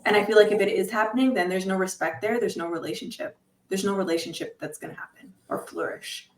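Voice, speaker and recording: A woman's voice: medium pitch, fast. A woman with a Toronto accent offering her opinion somewhat tentatively in a casual panel discussion. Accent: Toronto Canadian. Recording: roomy, echoing, faint background noise.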